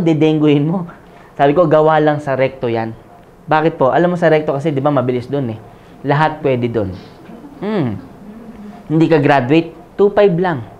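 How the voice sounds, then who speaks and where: Lo-fi Filipino presenter, joking and questioning. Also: male voice, a little high, darkish tone. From Philippines. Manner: storytelling with jokes, often asks the audience "tama?". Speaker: business presenter. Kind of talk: motivational sales presentation. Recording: dull lo-fi audio.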